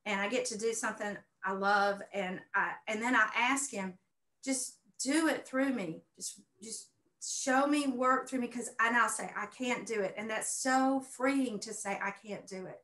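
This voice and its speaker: Speaking a little slowly, this painter and art teacher has a sharp, fairly high voice. She's a middle-aged guest sharing personal testimony over a video call from home, earnest and effusive, with phrases repeated for emphasis. The sound is echoey and roomy, typical of a video call.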